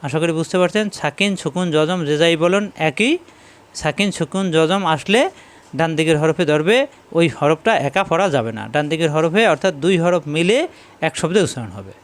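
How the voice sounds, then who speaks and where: A man's voice: on the high side, brisk, clean tone. A man teaching Quran reading in Bengali with a Bangladeshi accent, spelling out Arabic syllables one at a time in a patient, repetitive drill. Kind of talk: slow spelling drill lesson.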